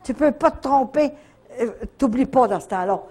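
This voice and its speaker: Older woman with a Canadian French accent, retreat speaker, husky voice, lively storyteller. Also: high voice, normal speed. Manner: lively storytelling with frequent "là, hein" tags. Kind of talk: faith testimony storytelling.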